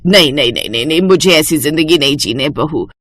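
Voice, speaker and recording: Woman doing a stingy old mother-in-law, low and grumbly, big pitch swings. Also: animated, fairly quick, fairly bright tone, no echo, clean studio sound. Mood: pleading. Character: stingy elderly mother-in-law, bossy then chastened. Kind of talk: storybook voice acting.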